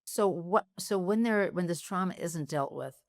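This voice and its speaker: Woman podcast host, low voice, dry close sound, curious and playful in her questions. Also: moderate pace, no room sound. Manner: curious, lightly joking questions. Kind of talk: podcast interview.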